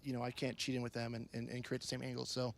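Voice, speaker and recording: A man's voice: mid-range voice, monotone, quick pace, gravelly. A man, an athlete giving a casual, plain-spoken, rambling post-match interview. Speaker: pro athlete being interviewed.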